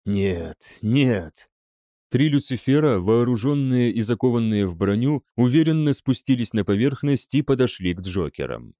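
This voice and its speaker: Expressive male audiobook narrator. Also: mid-range voice, moderate pace, hardly any pauses, no room sound, clean studio sound. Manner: lively, acting out dialogue.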